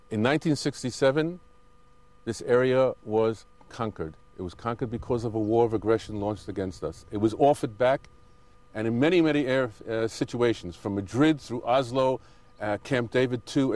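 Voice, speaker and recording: A man's voice: medium pitch, a little mellow. Insistent man rebutting in an interview. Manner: insistent, rebutting, with hesitant self-corrections. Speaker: interview guest, Israeli settler. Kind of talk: argumentative interview answers.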